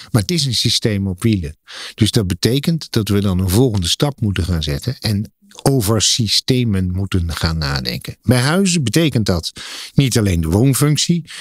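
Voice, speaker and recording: A man's voice: on the low side, no echo, studio quality. A man, a professor and guest expert, explaining in a podcast interview, building his points in emphatic lists like a lecturer.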